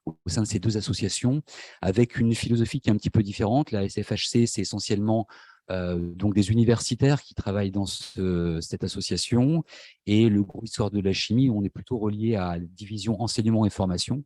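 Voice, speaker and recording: A man's voice: on the low side, brisk, mellow, no echo. A man with a French accent giving an academic conference talk, hesitant, with many fillers and restarts. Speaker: lecturer. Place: university lecture hall.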